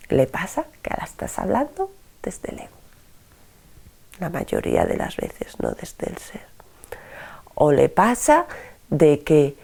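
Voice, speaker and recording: A woman teaching a spoken self-help lesson, expressive, dropping to soft whispers and rising sharply for emphasis. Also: medium pitch, gravelly.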